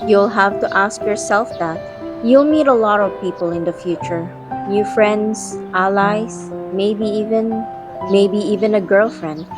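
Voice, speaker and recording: A woman's voice: mid-range voice, measured pace, lightly acted. Woman acting a guarded, feisty young woman. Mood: wistful. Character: guarded, feisty young woman, secretly attached to her companion. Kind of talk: first-person audio drama narration and dialogue. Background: background music.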